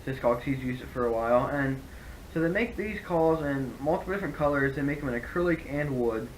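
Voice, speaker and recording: A man's voice: mid-range voice, expressive, fairly quick, slight background noise, low-quality recording. A man giving a casual, rambling product review, often correcting himself as he explains. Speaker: hunting gear reviewer.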